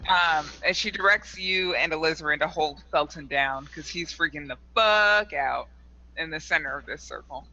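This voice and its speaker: A man's voice: a little high, moderate pace, bright, forceful tone, muffled recording. A man narrating an improvised tabletop role-playing game as game master.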